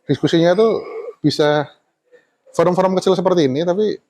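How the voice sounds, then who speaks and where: A man's voice: high voice, a little fast, a little mellow. A man in his forties, an architect guest telling stories casually, often laughing and dropping into Javanese phrases. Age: 40s. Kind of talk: casual storytelling conversation.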